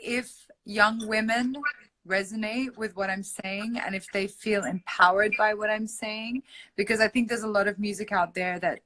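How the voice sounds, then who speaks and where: A woman singer originally from Iran talks casually as an interview guest on an online call. Her voice is bright and forward. She speaks in an effusive, affectionate way, scattering "like" and "um" through her answers. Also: medium pitch, steady tone, moderate pace, rough recording. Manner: effusive and affectionate, with many "like" and "um" fillers.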